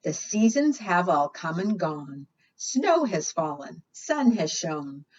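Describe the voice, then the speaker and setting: In a fairly low, darkish voice, a woman reads to preschoolers in a slow, sing-song way, pausing to ask her listeners questions as she reads expressively. The audio comes through dull and lo-fi.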